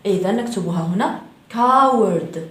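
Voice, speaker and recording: A woman teaching English pronunciation in a lesson, repeating each word slowly and stressing it. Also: mid-range voice, lively intonation, a bit bright. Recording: very echoey room.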